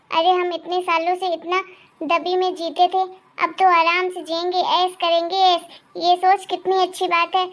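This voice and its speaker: A woman voicing a scheming, bossy elder daughter-in-law in a cartoon, talking in a scornful way. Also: very high-pitched. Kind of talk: cartoon voice acting.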